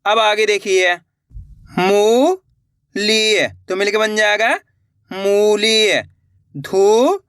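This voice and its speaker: A man's voice: sits high, little pitch movement, measured pace, bright, forceful tone, clean tone, no echo, clean studio sound. A man teaching a reading lesson, sounding out each word syllable by syllable and stretching the long vowels, talking to viewers in an encouraging way. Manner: addresses viewers as friends, encouraging.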